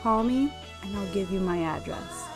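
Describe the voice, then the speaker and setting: A woman's voice: mid-range voice, normal speed, over music, natural voice. A woman voicing a confident, teasing store clerk who flirts openly. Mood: flirty. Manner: teasing, forward.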